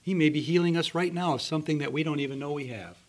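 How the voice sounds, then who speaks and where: A man's voice: a little high, quick pace. A man preaching a sermon, telling stories earnestly and acting out the people in them. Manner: earnest storytelling with voiced characters.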